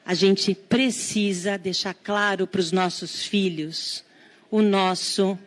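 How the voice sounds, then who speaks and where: Brazilian woman, middle-aged, giving a parenting talk, mid-pitched voice, keeps quizzing the crowd. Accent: Brazilian Portuguese. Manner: lively, engages the audience with questions and quick asides. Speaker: parenting lecturer. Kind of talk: live lecture to an audience.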